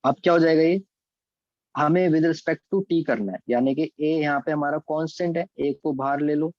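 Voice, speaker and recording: In a dry, muffled recording, a physics and maths teacher with an Indian accent teaches calculus step by step online at a moderate pace. His voice is on the high side, and he blends English terms into his Hindi explanations while checking in with students by name.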